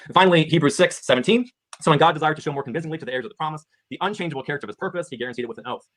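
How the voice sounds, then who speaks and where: A man's voice: a little high, rapid-fire, fairly bright tone. A man in a debate, making a prepared argument and reading scripture aloud. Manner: reads scripture, argues steadily.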